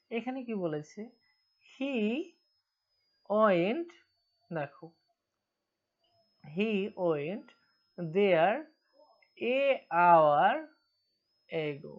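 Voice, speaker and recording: A woman with a Bengali accent teaching English grammar in an online lesson, asking her students questions and answering them herself. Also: mid-range voice. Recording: dull lo-fi recording.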